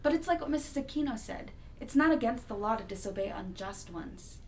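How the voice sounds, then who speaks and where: A woman's voice: a little high, expressive, fairly quick, recorded from a distance, a little hiss or hum, natural voice. A young woman playing a starry-eyed student admirer in scripted drama dialogue. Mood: wry. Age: young adult.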